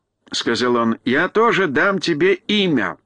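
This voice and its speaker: A man's voice: fairly high pitch, lively intonation, unhurried, a bit bright, no room sound, dull audio. A man voicing a vain, stern sorcerer who speaks in curt, commanding tones. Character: stern, vain male carpenter turned sorcerer.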